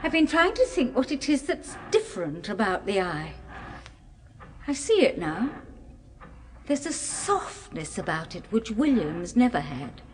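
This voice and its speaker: In a reverberant, noisy old recording of a 1970s radio horror drama, an actress with a medium-pitched, very animated voice plays a middle-aged or older British wife. She is softly doting yet quietly possessive, musing and wondering in a genteel, deliberate way with cooing endearments.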